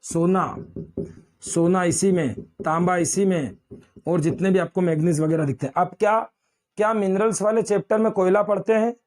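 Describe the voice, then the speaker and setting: Teacher, male, high-pitched voice, drills terms by repeating them, quizzes and answers himself. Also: normal speed, darkish tone. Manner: repeats key words, asks and answers own questions. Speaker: Hindi grammar teacher. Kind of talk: classroom lecture.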